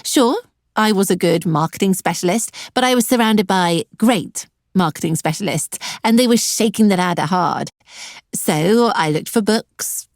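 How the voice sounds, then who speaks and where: A middle-aged career coach hosts an online webinar, addressing viewers directly with dry sarcasm. Her voice is on the low side with a darkish tone, recorded without echo.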